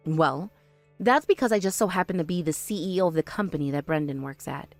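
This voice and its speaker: A woman voicing a calm, sharp-tongued young woman in an animated story, speaking firmly and with dry exasperation. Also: deep voice, brisk, no room sound, soft background music.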